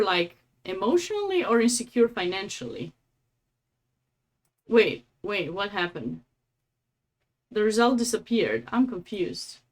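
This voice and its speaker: With a mid-range voice and a Romanian accent, the woman streams a game live, keeping her commentary relaxed and talkative and tossing in fond little asides.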